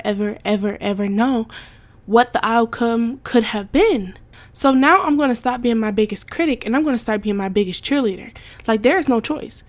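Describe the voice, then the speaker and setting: A woman's voice: on the high side, a little mellow. Emphatic young woman podcaster, chatty and repetitive. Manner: emphatic, repetitive, frequent "like" fillers, laughs often. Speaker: podcast host. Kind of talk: casual solo podcast monologue.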